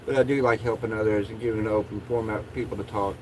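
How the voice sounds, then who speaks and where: A man's voice: on the low side, steady tone, quick pace, a little hiss or hum, poor audio. A man chatting casually as a livestream host in a laid-back, rambling stoner drawl.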